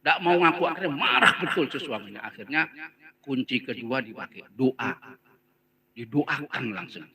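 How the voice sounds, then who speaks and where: A man's voice: medium pitch, animated, moderate pace, sharp tone, poor audio. A man with a Banjar Indonesian accent preaching at a religious gathering, telling stories with jokes and often laughing as he acts out the voices. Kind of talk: humorous sermon storytelling. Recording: crowd heard at a live gathering.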